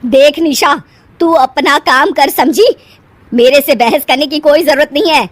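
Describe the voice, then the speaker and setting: A woman's voice: high-pitched, lively intonation, moderate pace, no echo. A woman voicing a stern, partial middle-aged mother-in-law in a cartoon, scolding as she talks. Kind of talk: cartoon voice acting.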